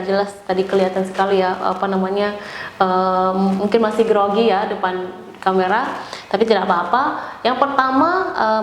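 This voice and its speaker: An Indonesian-accented woman teaching Quran recitation, encouraging in manner, who over-enunciates and stretches syllables as she demonstrates. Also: medium pitch. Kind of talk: recitation lesson with feedback and demonstrations. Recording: echoey room with faint background noise.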